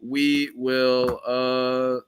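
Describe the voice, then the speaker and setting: A man co-hosting a combat sports podcast, answering his louder partner in a calm, level voice. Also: mid-range voice, drawn-out words, very noisy. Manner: calm, even, called monotone. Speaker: podcast co-host. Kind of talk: sports debate.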